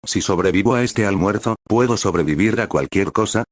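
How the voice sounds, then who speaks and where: A man's voice: fairly low pitch, fairly quick, no echo, close to an everyday voice. A man voicing a whiny, jumpy young male swordsman who complains constantly.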